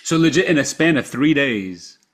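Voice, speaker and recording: A man hosting a podcast, reacting and asking quick questions in casual chat. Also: mid-range voice, expressive, fairly bright tone. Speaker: podcast host.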